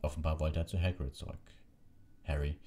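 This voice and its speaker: Deep dark husky guy narrating an audiobook, steady storytelling. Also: a little fast.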